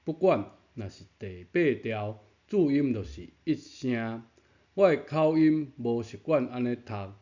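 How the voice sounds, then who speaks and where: A man's voice: mid-range voice, mellow. A man giving a patient pronunciation lesson, repeating key points and asking rhetorical questions. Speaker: Taiwanese language teacher. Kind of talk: explanatory lesson narration. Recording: dull lo-fi sound.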